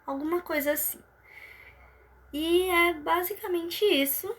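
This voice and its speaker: A woman's voice: extremely high pitch, a little slow, fairly bright tone. A young woman giving a school presentation, explaining things with small hesitations. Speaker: student presenter.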